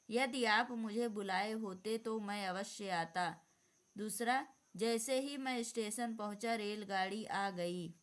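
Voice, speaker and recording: A woman teacher giving an exam-prep grammar lesson, dictating definitions and repeating them. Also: mid-range voice.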